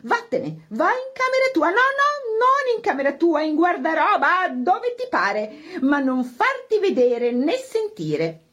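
A woman voicing a snobbish social-climbing mother, bossy and fretful, in a shrill raised voice. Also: sing-song, normal speed. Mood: irritated bossy.

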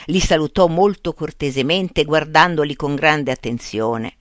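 A narrator reading a classic story aloud in a measured, expressive storytelling manner. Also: mid-range voice, dry recording, studio quality. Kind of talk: scripted audiobook narration.

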